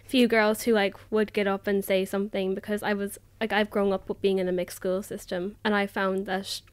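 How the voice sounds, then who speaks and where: Nineteen-year-old Irish student, casual and chatty, mid pitch, dry recording. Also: female voice, flat delivery, normal speed, clean tone, dry recording. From Ireland. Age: teens. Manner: chatty, uses "like" often. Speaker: roundtable guest, student. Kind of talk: casual discussion.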